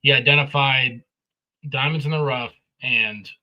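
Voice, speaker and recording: A man's voice: mid-range voice, fairly even intonation, a little slow, highs cut off. A man co-hosting a sports podcast, giving eager, opinionated takes in casual talk. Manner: enthusiastic, opinionated. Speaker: podcast co-host.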